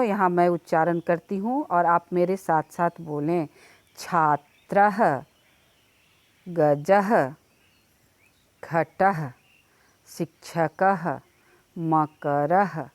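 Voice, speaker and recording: A woman with a lowish, darkish voice teaches children Sanskrit, slowly repeating each word and its meaning one at a time so the class can copy her. The recording has no echo.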